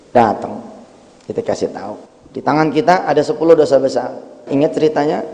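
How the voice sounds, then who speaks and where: A middle-aged man preaching a sermon, moving between chanted Arabic recitation and animated everyday talk. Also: medium pitch, creaky. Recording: long hall reverb.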